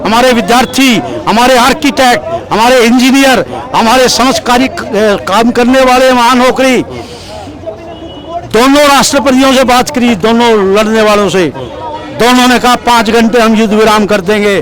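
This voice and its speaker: A man with a very high-pitched voice delivers impassioned street oratory. He is emphatic and declamatory, repeating phrases like a poet at a rally. A busy crowd and traffic surround him outdoors. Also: moderate pace, a bit bright, low-quality recording. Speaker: street interviewee, political supporter reciting poetic praise. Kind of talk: impassioned street political oratory with rhymed verses.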